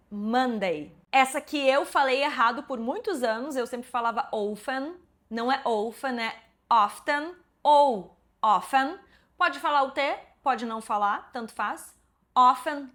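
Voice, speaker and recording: High-voiced teacher. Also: female voice, a bit bright. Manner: explanatory, slows down to model English words. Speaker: English teacher. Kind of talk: English lesson to camera.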